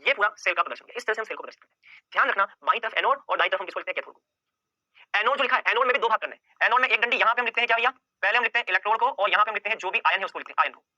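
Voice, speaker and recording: A man's voice: high-pitched, racing, pushed and bright, dry recording, muffled recording. A male chemistry teacher giving an exam-prep lecture, firing off questions and answering them himself and repeating key points over and over.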